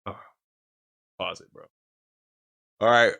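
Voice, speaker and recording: A man's voice: slow, pushed and bright. A man telling a personal story in casual chat, rambling and emotional, with many restarts and fillers. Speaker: podcast guest.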